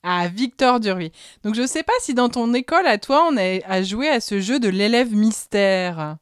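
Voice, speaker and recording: A woman hosting a children's program, chatting with a young guest in a bright, encouraging, rambling way. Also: mid-range voice, expressive, normal speed, clean tone, dry recording, studio quality. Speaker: children's show host. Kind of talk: casual chat with a child.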